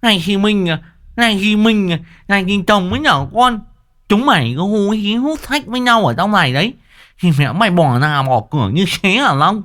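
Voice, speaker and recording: A woman voicing a loud, brutish middle-aged village woman who bellows threats in lisping, slurred speech. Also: mid-range voice, animated, moderate pace, close to an everyday voice. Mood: furious.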